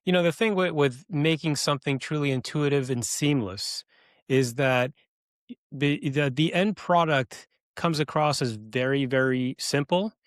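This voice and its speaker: A man's voice: on the high side, unhurried, dry recording, studio quality. A man hosting a podcast, asking thoughtful questions in a friendly, easygoing way and laughing easily. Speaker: podcast host. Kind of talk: casual podcast conversation.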